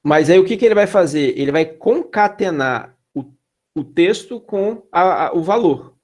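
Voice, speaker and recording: A man's voice: high voice, expressive, normal speed. A man teaching an introductory programming class in a casual way, checking in with students and throwing in slangy asides. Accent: Brazilian Portuguese. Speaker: instructor. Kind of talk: classroom lecture.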